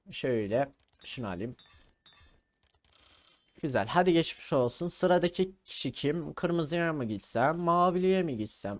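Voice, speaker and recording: A man giving casual gaming commentary, teasing and trash-talking his opponents playfully as he plays. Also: mid-range voice. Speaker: gaming video creator.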